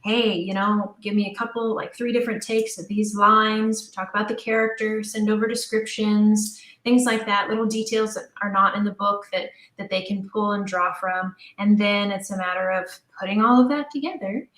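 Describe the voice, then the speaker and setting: As an interview guest, a woman who writes and directs audio dramas speaks at normal speed in a mid-range, steady, fairly bright voice. She explains things chattily and informally, thinking aloud, and the noticeably roomy sound leaves echo around her words.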